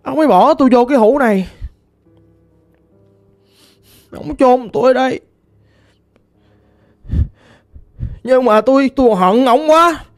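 A woman voicing the vengeful ghost of a murdered teenage girl, pleading slowly in a Southern Vietnamese accent. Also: sits high, soft background music, close to an everyday voice. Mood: aggrieved. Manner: pleading, slow and plaintive.

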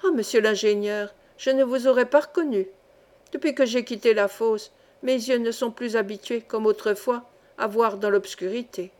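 A woman's voice: a little high, moderate pace, a little mellow, natural voice. A woman reading the lines of a cheerful twenty-five-year-old former miner who talks in a jovial, chatty way.

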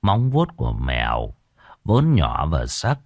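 Brief: a male narrator playing a wary old country healer, deep and hushed, dry close sound. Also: huge pitch swings, slow, creaky, no room sound, exaggerated voice. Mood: muttering. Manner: low, muttering, deferential.

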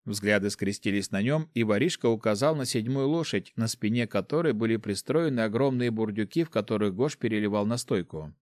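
A man narrating a fantasy story audiobook in a steady, even storytelling manner. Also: lowish voice, brisk, hardly any pauses, no echo, studio quality. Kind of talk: scripted narration.

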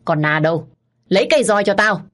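A woman's voice: on the low side, animated, moderate pace, a little mellow. A woman voicing a harsh older mistress of a rich household, speaking curtly and with scorn. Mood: furious. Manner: curt, scornful, bossy.

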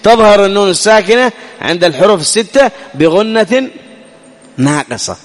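High-voiced man teaching in a hall. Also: expressive. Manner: asks the listener questions and demonstrates sounds slowly. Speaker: tajweed teacher. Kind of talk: recorded lesson explaining recitation rules.

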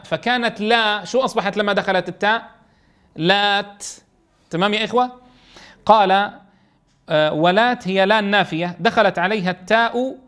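High-voiced man teaching a Quran lesson. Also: fairly bright tone. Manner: reads quoted text slowly, then explains quickly, often checking with listeners. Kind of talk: explaining a classical text in a lesson.

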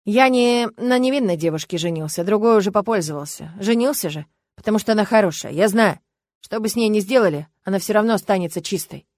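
A woman reading as a gloomy middle-aged man, worn down and bitter, who flares into loud, sardonic outbursts. His lines come in a mid-range voice with no room around it, close and dry, as in a storybook reading. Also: medium pitch, quick pace, dry recording, close to an everyday voice. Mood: agitated. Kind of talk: audiobook reading.

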